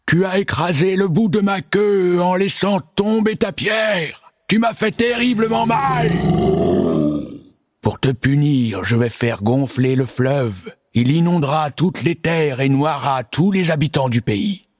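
A man voicing a horrible, angry male monster in a children's story read aloud, shouting and sneering with menace. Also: a little high, slow, dry recording, clean studio sound, pitched above the performer's own voice. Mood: furious.

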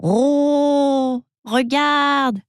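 A woman's voice: a little slow, no echo, clean studio sound, close to an everyday voice. Woman voicing a timid, wide-eyed little boy. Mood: eager. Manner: high, wide-eyed and eager. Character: timid small boy companion.

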